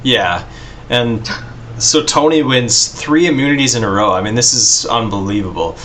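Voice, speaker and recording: A man co-hosting a casual podcast chat, relaxed and quick to laugh, with a lot of "like" and "you know.". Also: medium pitch. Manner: laid-back, laughs often, says "like" and "you know". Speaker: podcast co-host.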